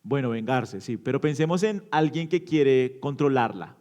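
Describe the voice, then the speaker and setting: In a church, a pastor delivers an interactive sermon expressively at normal speed, asking the congregation questions and answering them himself. His delivery swings from loud, emphatic bursts to low, quiet endings.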